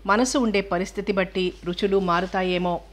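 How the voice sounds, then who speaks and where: A woman narrating a novel as an audiobook in an even, measured storytelling manner. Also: medium pitch.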